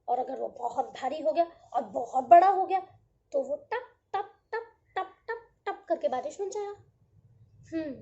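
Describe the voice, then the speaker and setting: A woman storyteller narrating a children's tale slowly and expressively. Her voice is very high but mellow and soft, and the recording sounds a little dull and lo-fi. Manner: slow, gentle, expressive storytelling. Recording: dull lo-fi audio.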